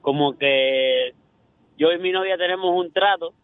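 A man's voice: on the high side, unhurried, no echo. Male radio caller, hesitant, heard over a dry, phone-like line. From Cuba. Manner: hesitant, many fillers. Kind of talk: phone-in call.

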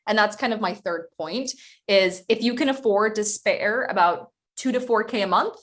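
Speaking at a medium pitch, a woman from Ukraine who works as a recruitment consultant presents over a video call. Her style is chatty and conversational, broken up by small laughs and fast restarts.

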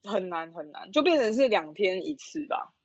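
A Taiwanese woman co-hosts a casual podcast from home. Her medium-pitched voice comes through a makeshift remote setup, dull and lo-fi but dry, without room echo. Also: sing-song, normal speed. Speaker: podcast co-host.

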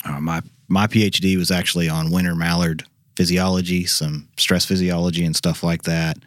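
This Arkansas man, a university biology teacher appearing as an expert guest, speaks low and flat at a moderate pace. His explanations stay informal and conversational in a dry, echo-free interview.

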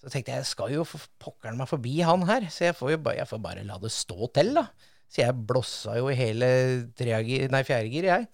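A man speaks as a podcast guest, telling racing anecdotes with sudden bursts of energy and laughter. His voice sits in an ordinary middle pitch. The sound is dry and close, with no room around it. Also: animated, creaky, dry recording. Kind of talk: casual podcast chat.

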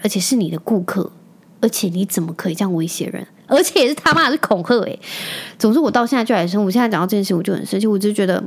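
A podcast host and mother tells a casual story in a medium-pitched, slightly mellow voice. She's chatty, vents angrily, and drops English words into the monologue.

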